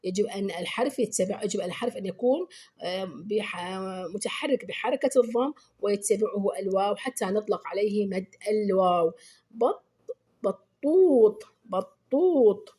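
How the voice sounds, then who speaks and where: A woman teaching beginners and speaking to pupils. She praises them often and draws out the example words slowly and clearly. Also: medium pitch, darkish tone. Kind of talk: children's lesson addressing pupils.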